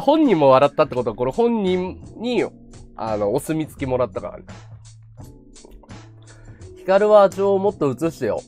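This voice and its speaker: Animated chatty man streaming. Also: sits high. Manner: chatty, animated, laughs a lot. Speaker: livestream host. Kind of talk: casual chat to viewers.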